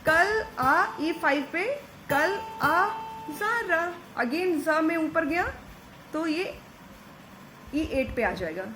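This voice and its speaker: A woman giving a patient step-by-step guitar lesson, singing short lyric snippets slowly between explanations. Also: extremely high pitch, expressive, sharp tone, rough recording. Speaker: guitar teacher. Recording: faint guitar behind voice.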